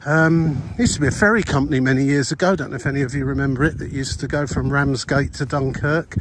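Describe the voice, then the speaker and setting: A man's voice: mid-range voice, steady tone, quick pace. Older male walking vlogger, chatty and meandering, body mic outdoors, heavy background noise. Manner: rambling, chatty, many fillers and restarts. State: slightly breathless from walking. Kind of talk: casual walking commentary. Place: outdoors on a clifftop coastal path. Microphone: body-worn mic while walking. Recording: loud outdoor wind and traffic noise. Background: outdoor ambience and passing vehicles.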